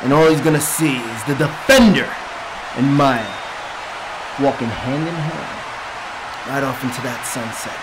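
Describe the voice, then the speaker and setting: A man's voice: medium pitch, expressive, very noisy. A young man playing a boastful, theatrical pro wrestler who talks in the third person in a promo parody, drawing out key words. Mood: grandiose. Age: young adult. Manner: theatrical, boastful, drawn-out emphasis. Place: small indoor set, dark backdrop.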